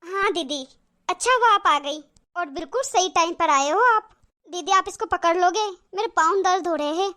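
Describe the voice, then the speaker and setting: Cartoon role: caring young daughter-in-law, very high voice, earnest and pleading. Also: female voice, normal speed, sharp tone. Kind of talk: cartoon voice acting.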